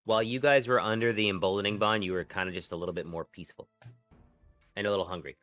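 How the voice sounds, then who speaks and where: Low, bright-voiced man at a game table. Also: steady tone, fast, soft background music. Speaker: player. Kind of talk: casual tabletop game banter.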